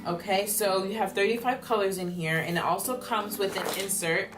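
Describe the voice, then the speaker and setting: A woman's voice: mid-range voice, normal speed. A young woman vlogger talking through a makeup tutorial and palette review, explaining each step in a chatty way. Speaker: beauty vlogger. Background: soft background music.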